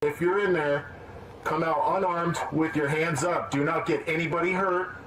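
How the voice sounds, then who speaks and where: A man barks firm orders through a megaphone, his voice a touch higher than most. The sound rings with echo outdoors, with clear street noise and passing traffic behind it. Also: fairly even intonation, normal speed, fairly bright tone. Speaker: sheriff's deputy.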